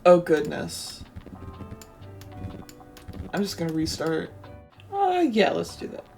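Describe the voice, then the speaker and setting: A woman's voice: lowish voice, sing-song, slow, vocal fry, a little mellow, soft background music. A woman streaming a cozy game playthrough, reading the on-screen text aloud and gushing with delight over what she finds. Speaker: let's play streamer.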